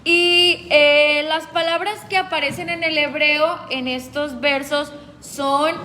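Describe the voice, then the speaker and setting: High-voiced woman teaching slowly. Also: steady tone, pushed and bright, long reverb tail, a little hiss or hum. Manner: patient, explanatory, asks the group questions. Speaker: Bible study leader. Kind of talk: teaching a group Bible study.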